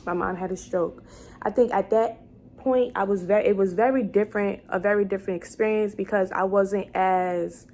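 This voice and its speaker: With a mid-range, darkish voice, a twenty-something vlogger casually answers questions to camera. She wanders as she thinks out loud and corrects herself, and the room around her is clearly noisy.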